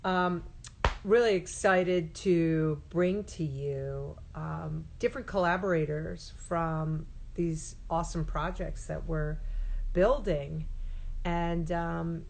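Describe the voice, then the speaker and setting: A woman in her forties hosts a casual interview live-streamed from a room in her home, picked up by her laptop's webcam mic on a video call. Her voice sits low with vocal fry, a steady tone, a slow pace and a slightly mellow quality, though she comes across bubbly and enthusiastic, saying "um" often. A faint hiss or hum runs under the audio.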